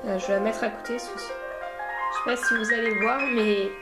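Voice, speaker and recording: A woman's voice: fairly high pitch, steady tone, fairly quick, over loud music. Chatty woman vlogger, echoey room. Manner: rambling, chatty, talks to viewers directly. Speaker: beauty vlogger. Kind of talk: casual makeup review and tutorial.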